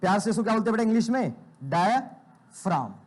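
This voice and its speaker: A man's voice: high voice, fairly even intonation, rapid-fire, a little mellow. A young man giving a biology lecture, asking the class questions and answering them himself, often calling students "beta". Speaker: biology teacher.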